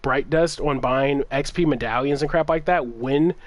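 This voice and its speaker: A man's voice: medium pitch, normal speed, no echo. A man hosting a gaming livestream, ranting casually with exasperation, laughing and swearing as he talks.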